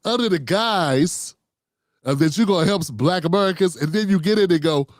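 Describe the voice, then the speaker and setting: The host sounds high-pitched and animated, moving at a brisk clip in clean studio sound with no echo. He delivers a casual, profanity-laced political monologue, rambling and calling his viewers "fam."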